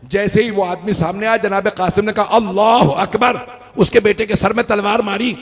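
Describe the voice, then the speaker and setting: A high-pitched man delivering a mourning sermon in a gathering hall. He narrates quietly and slowly, then his voice climbs into a loud, sung, shouted lament. Long reverb from the hall trails every line. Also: fairly even intonation. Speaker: Shia majlis speaker. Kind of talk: mourning sermon, rising to wailing chant.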